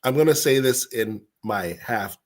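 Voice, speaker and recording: A man co-hosting a casual talk, animated and quick to interject. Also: medium pitch.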